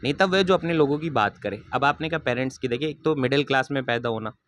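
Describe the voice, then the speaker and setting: A man's voice: mid-range voice, fast talker, a bit bright, a little hiss or hum. Young man, earnest interviewee, emphatic and firm. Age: 20s. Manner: earnest and emphatic, repeats promises. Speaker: interviewee, local political candidate. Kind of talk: interview answers.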